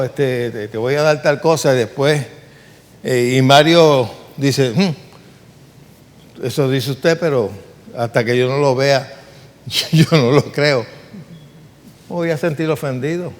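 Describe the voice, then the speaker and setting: A man's voice: on the high side, big-room sound. A man preaching a sermon in an earnest, emphatic way, asking rhetorical questions.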